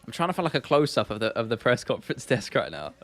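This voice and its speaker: With big pitch swings and a quick pace, a man with a mid-range, slightly bright voice hosts a casual livestream. He keeps the chat with viewers informal and laddish and repeats phrases for emphasis, over faint background music and keyboard clicks.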